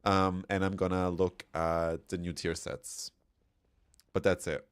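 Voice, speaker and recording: Casting: young Austrian-accented male streamer, very low voice, chatty and giggly. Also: little pitch movement, takes it slowly, clean tone, no echo. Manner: chatty, laughs often, reads chat aloud. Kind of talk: casual livestream chat.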